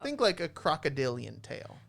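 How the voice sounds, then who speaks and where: A man's voice: a little high, wildly swooping pitch, moderate pace, gravelly, fairly bright tone. A man narrating a tabletop game as game master, describing scenes loosely with many fillers and restarts. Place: college radio studio.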